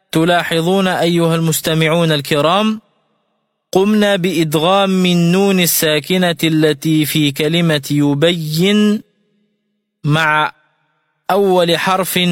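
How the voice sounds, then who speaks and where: A man's voice: on the high side, fairly even intonation, no echo, clean studio sound, big-room sound. A man teaching Quran recitation on radio. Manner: explains rules clearly, then recites examples slowly and melodically.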